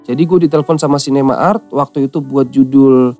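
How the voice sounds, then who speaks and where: Soft music plays behind this young man from Central Java as he narrates his story on a podcast. His voice is medium-pitched, steady, brisk and warm, and his slangy telling includes acted-out quoted voices.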